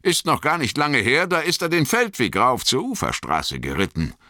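A man voicing a stout, red-faced hobbit farmer in an audiobook, gruff but hearty, with a loud, folksy manner. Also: mid-range voice, huge pitch swings, normal speed, no echo, clean studio sound, voice pushed up, exaggerated voice. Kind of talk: audiobook character voice.

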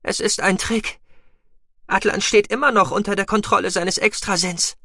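A man's voice: high-pitched, fairly even intonation, moderate pace, pushed and bright, no echo, clean studio sound, voice pushed up, exaggerated voice. A man voicing an alarmed young telepathic woman with an urgent warning tone for an audiobook. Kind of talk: audiobook reading.

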